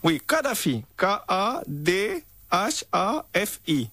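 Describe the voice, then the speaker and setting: A man's voice: high-pitched, very animated, slow pace, a bit bright, no echo, voice pushed up, heavily acted. A man putting on a fake foreign accent and broken French, playing a dictator's valet in a prank phone call. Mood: pushy. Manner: broken French, pushy, unbothered.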